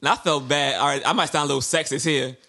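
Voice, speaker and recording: A young man chatting casually, telling stories with lively acted-out reactions. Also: fairly high pitch, quick pace. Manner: animated storyteller who acts out his own past reactions. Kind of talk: casual chat.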